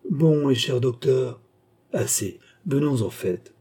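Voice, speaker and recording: Kindly court doctor, dark husky tone, musing then exasperated, read by a man. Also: medium pitch, expressive, slow pace.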